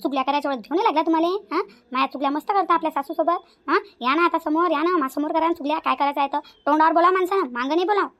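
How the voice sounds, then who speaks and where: A woman voicing a loud defiant young daughter-in-law. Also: high voice, natural voice. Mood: confrontational. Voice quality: shouting, quick and blunt. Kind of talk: cartoon voice acting.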